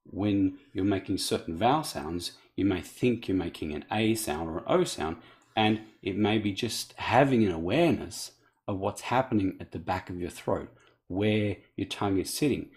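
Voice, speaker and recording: A man's voice: on the low side, lively intonation, normal speed, darkish tone. A man teaching pronunciation to camera, explaining tongue position in a conversational, instructive way. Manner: conversational, instructive, with small restarts. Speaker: animation and English pronunciation teacher.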